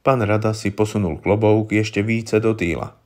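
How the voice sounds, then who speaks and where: Man reading a story, low voice. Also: steady tone, a little mellow. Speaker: narrator.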